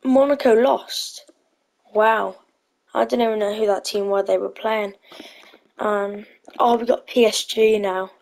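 A woman's voice: medium pitch, fairly even intonation, a little slow, vocal fry, pauses often, darkish tone, rough recording. A woman giving casual, hesitant commentary on her own gameplay, thinking aloud with lots of ums. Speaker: gaming channel host.

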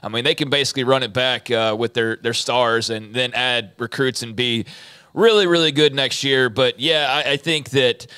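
A man's voice: mid-range voice, moderate pace, pushed and bright, clean tone. A young man co-hosting a sports talk show from a studio, speaking reflectively and rephrasing as he goes. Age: young adult. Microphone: studio mic with headphones.

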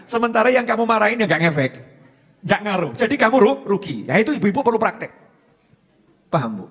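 A Javanese-accented man preaching with a high voice and easy humor. His talk rings out in a hall with a long reverb. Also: a bit bright. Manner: humorous, mixing in Javanese phrases. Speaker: Islamic preacher. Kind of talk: religious advice talk.

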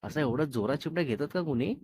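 A man's voice: on the high side, expressive, quick pace, darkish tone, husky, dry recording, studio quality. A man reading the part of a playful, apologetic young man in a spoken love story, in a coaxing tone. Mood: coaxing teasing.

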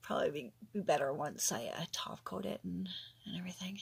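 Middle-aged woman, home nail vlogger, husky fry in the voice, chatty and muttering to herself, easygoing tutorial delivery. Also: on the low side, fairly quick. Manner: chatty, talks to herself while working, drops into whispers. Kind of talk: casual tutorial chat.

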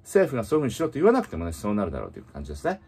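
A man teaching English in casual spoken style, reading slowly and explaining with many fillers. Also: on the low side, huge pitch swings, gravelly, warm tone, slightly rough.

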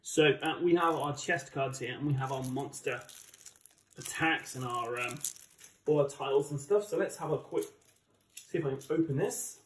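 A man's voice: mid-range voice, normal speed, slight background noise. A man with an English accent giving chatty, enthusiastic, casual unboxing commentary as a board game channel host. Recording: roomy, distant microphone.

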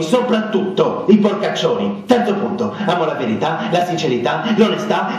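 An actor on stage playing a bitter, humiliated man who swings between low muttering and shrill outbursts. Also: a little mellow, lightly acted. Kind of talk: theatrical monologue. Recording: echoey hall, distant mic.

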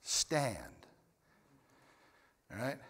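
A man preaching a sermon in a church, moving between quiet, close talk and loud, emphatic bursts, with frequent restarts and repeated words. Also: extremely slow. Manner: swings from loud emphatic shouts to quiet near-whispers. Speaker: pastor. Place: church sanctuary.

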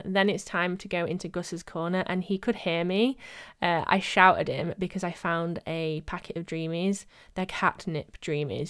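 A woman's voice: lowish voice, fairly bright tone. A young woman narrating her home cleaning vlog in a casual, chatty voice-over, self-mocking and laughing often. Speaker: vlogger. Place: home studio, voice-over recorded separately.

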